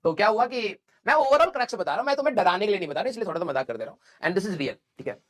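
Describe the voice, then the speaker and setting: A young man, a teacher, casually telling his students a funny story from his school days, animated and joking. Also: high voice, rapid-fire. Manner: animated, joking, switches between Hindi and English.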